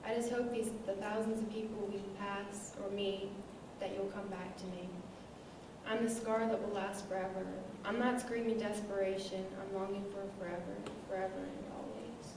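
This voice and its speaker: A woman's voice: mid-range voice, flat delivery, normal speed. Nervous woman poet in a very echoey room. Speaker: open mic poet. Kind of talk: live poetry reading. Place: echoey indoor room, live reading. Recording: very echoey room, distant mic, clear noise.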